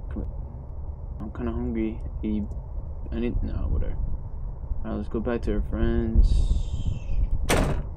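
A man's voice: on the low side, completely flat delivery, a little slow, vocal fry, long pauses, highs cut off, noisy background. A young man casually commentating a horror game, swearing often, stumbling over names and reading the dialogue aloud. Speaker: gaming channel host. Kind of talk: casual let's play commentary.

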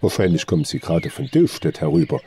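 A man's voice: low voice, very animated, fast, mellow, a little hiss or hum. A man reading an audiobook, voicing a good-natured old male forest hunter with folksy, earthy speech. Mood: hearty.

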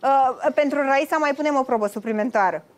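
A woman hosting a lively TV show, cheering contestants on and talking with many fillers. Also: high-pitched. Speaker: TV show host.

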